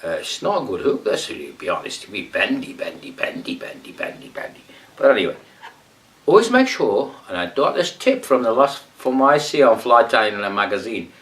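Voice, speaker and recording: A fly tying demonstrator on a distant mic, this man has a medium-pitched, fairly bright voice. He's comically playing a rambling amateur tier from Brazil, faking the accent, speaking broken English and muttering whispered asides.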